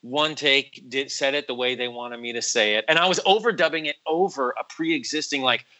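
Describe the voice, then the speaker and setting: A man with a bright, forceful voice tells a long story on a podcast, full of restarts and "you know"s. He jumps into lively raised voices when he quotes people. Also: mid-range voice, fairly quick, poor audio. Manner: rambling with many fillers and restarts. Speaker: podcast guest, musician and voice actor. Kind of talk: casual storytelling chat.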